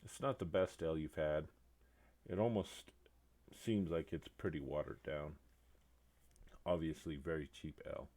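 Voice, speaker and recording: A man narrating as game master of a tabletop game, unhurried and halting with fillers. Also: rumbling low, darkish tone.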